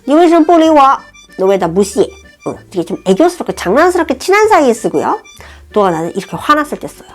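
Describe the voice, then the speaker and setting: A woman teaching Chinese, explaining a novel passage in a friendly, animated way. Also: medium pitch, fast. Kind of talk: language lesson, reading a novel aloud and explaining. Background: soft background music.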